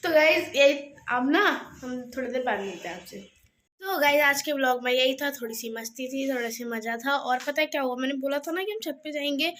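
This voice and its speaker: Giggly high-voiced young woman vlogger. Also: normal speed, a bit bright. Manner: playful, giggly, addresses viewers as guys. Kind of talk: casual home vlog. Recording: echoey room with noise.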